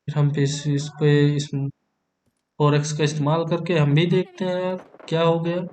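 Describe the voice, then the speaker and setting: A man's voice: a little high, monotone, normal speed, a little mellow, slight background noise. A young man hosting a gaming channel, joking and bantering crudely with teammates as he narrates his match. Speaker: gaming YouTuber. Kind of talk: comedic gameplay commentary.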